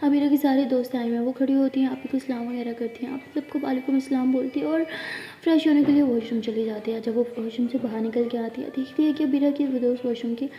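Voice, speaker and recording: A woman's voice: high-pitched, steady tone, fast talker. A woman narrating a love story in a casual, chatty way, with a running "she says" between lines. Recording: echoey room, dull lo-fi sound.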